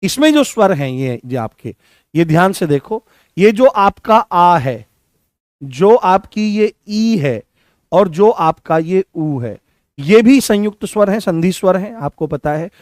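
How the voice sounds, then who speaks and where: A male teacher coaching students for an exam. He repeats key points, quizzes the class with questions and stretches vowel sounds out slowly to show them. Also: high voice, animated, dry recording, studio quality. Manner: addresses students affectionately as "babu".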